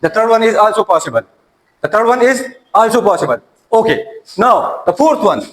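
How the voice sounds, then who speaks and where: A man's voice: high-pitched, very animated, brisk, a bit bright, low-quality recording. A man, an Urdu speaker, teaching a classroom lecture and often repeating and restarting his words.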